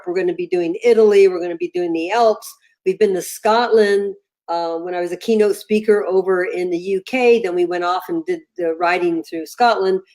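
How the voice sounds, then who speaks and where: An older woman, a company founder, chatting as an interview guest over a video call and acting out the voices in her anecdotes. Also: lowish voice. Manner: animated storyteller, acts out voices in anecdotes. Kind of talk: casual interview chat.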